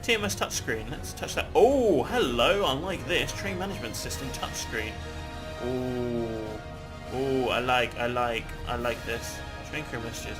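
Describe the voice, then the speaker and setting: A gameplay video host chats and rambles casually while playing, swearing freely and laughing often. His voice is medium-pitched and unhurried, with music in the background.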